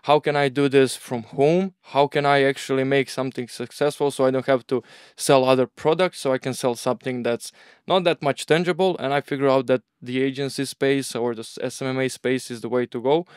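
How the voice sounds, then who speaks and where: A man's voice: medium pitch, brisk, clear, resonant tone, no echo, clean studio sound. A young man from Croatia with a Croatian accent, talking casually and loosely as an interview guest, leaning on filler words like "like" and "bro". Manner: relaxed, rambling, uses "bro" and "like". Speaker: agency owner, guest.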